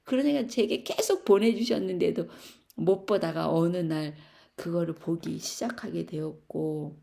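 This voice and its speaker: A middle-aged woman from Korea sharing a reflective, confessional faith testimony in a Bible study, with soft laughs and fillers. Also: lowish voice, a little slow, vocal fry.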